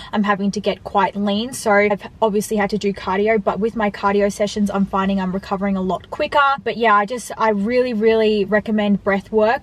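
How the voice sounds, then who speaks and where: A woman talking casually and emphatically to viewers in a vlog style while she eats. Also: mid-range voice. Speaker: online fitness coach and vlogger. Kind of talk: casual chat to viewers, mukbang Q&A.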